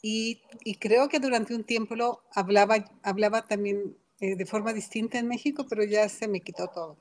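A woman's voice: mid-range voice, fairly even intonation. Older woman chatting on a video call. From Mexico, raised in Costa Rica. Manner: warm, chatty, halting with restarts. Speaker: guest astronomer. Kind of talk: casual interview chat. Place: home study with bookshelves.

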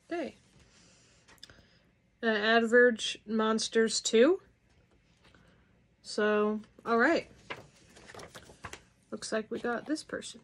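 Woman, unboxing vlog, casual, dry humor, talks through food, slow delivery. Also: on the high side. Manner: chatty, wry, bursts of mock outrage. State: talking while chewing. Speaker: unboxing vlogger.

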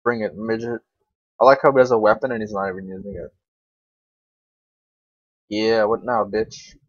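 This young man makes gaming videos and talks over his play in a casual, complaining way, swearing freely in his fairly low voice. He keeps a level tone at a moderate pace. The recording is close and dry, with no room sound and a dull, lo-fi microphone.

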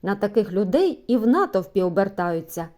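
A woman's voice: medium pitch, big pitch swings, brisk, mellow. A woman narrating a children's story as an audiobook, reading expressively and giving the characters voices.

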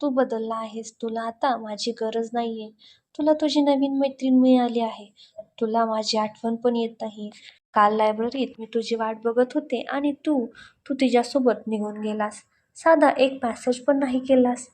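A woman's voice: fairly high pitch, fairly even intonation, moderate pace, darkish tone, lightly acted. A woman voicing a young college woman who is hurt and jealous, speaking coldly and sulkily. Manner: cold, sulky.

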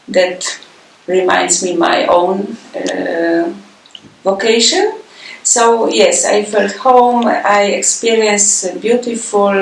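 An older woman with a Polish accent, a religious sister and facilitator, speaking carefully with pauses in a recorded video message. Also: medium pitch, gravelly. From Poland. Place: sitting room with plant and map, indoors. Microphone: far camera. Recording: roomy audio from a distant camera.

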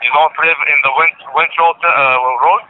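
Polite, pushy phone caller, dull line. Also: male voice, a little high, fairly even intonation, moderate pace, no echo. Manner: polite, insistent, calls everyone sir. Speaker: phone caller collecting personal details. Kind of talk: scripted phone call.

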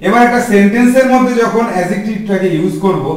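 Male teacher, quizzes the class as he explains, high voice, distant and echoey. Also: fast. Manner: asks the class questions and answers them himself. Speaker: English teacher. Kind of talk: spoken grammar lesson. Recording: echoey room from far off.

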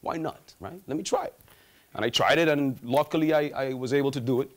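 Speaking in a mid-range voice at a fairly quick clip, a student from Guatemala entertains a large auditorium with animated, gesturing, humorous stories in his stage talk.

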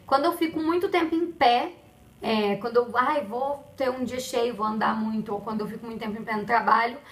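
Young Brazilian woman, vlog host, high bright voice, chatty and animated, echoey room. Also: a little fast. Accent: Brazilian Portuguese. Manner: chatty, expressive, addresses viewers directly. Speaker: vlogger. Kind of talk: casual pregnancy diary vlog.

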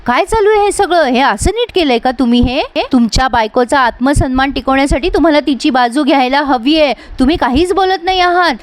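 A woman's voice: high voice, fairly quick, voice pushed up, natural voice. A woman voicing a distressed middle-aged mother who fires off agitated questions to defend her daughter. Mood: pleading. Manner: agitated, raised indignant questions.

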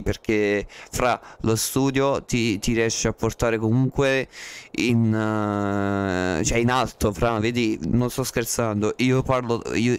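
Jokey male streamer, smooth close-mic voice. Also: on the low side. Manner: playful, joking, slangy, repeats himself. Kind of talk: casual live-stream chat with viewers.

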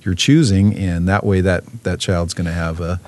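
Low-voiced man, rambling with fillers. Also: steady tone, normal speed, darkish tone. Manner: rambling, many fillers and restarts. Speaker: sportfish program manager. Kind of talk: casual interview talk.

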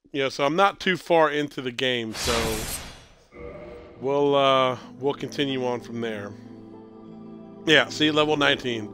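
Hosting a laid-back gameplay stream, a thirty-something man with a cold sounds congested and keeps clearing his throat. He speaks in a mid-range voice, rambling and fixing his own words as he talks.

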